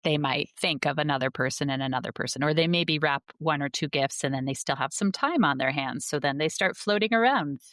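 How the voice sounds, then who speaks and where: A woman with a low voice talks about her library work in an earnest, conversational way. She uses lots of fillers and restarts. The sound is dry and close. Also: a little fast, hardly any pauses, a bit bright, no echo. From United States. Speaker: school librarian, guest. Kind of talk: casual conversation.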